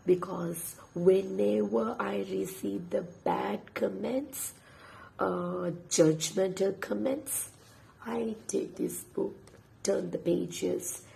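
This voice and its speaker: Reading a book aloud late at night, this woman, a Tamil-native English instructor, can barely speak through a sore throat, so her words come out as a hushed, breathy half-whisper. Her voice sits on the low side, and the low-quality recording has slight background noise.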